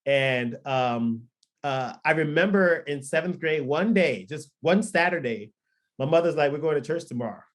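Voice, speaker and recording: A fairly high, animated, fairly bright voice at normal speed belongs to a pastor and record producer in his thirties. Born in Liberia and raised in Florida, he tells his story as a relaxed testimony in a podcast interview, rambling with plenty of ums and restarts.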